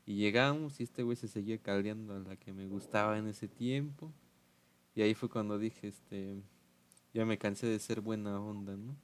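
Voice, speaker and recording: A young Mexican man hosts a podcast, telling stories casually in a fairly low voice at a moderate pace, with slight background noise. He speaks with a Mexican Spanish accent, uses slang, laughs, and acts out quotes in raised voices, doing voices for them.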